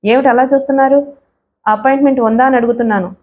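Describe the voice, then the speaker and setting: A woman voicing a brisk, impatient female secretary turning away a visitor. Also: fairly high pitch, fairly even intonation, mellow, natural voice. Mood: curt. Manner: curt, impatient.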